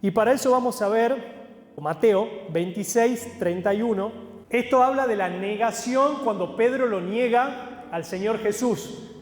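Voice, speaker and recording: A man's voice: sits high, a little slow. A man preaching a sermon in a church hall, explaining a passage step by step and putting questions to the congregation. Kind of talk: sermon with Bible reading. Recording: echoey hall with faint music.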